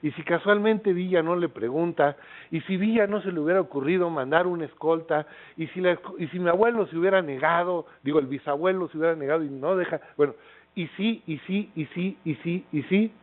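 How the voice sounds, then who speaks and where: A middle-aged Mexican man with a Mexican accent gives a brisk lecture in a slightly high voice, telling it the way a laid-back storyteller would. Fillers and tag questions come up constantly. The recording is tinny and phone-like.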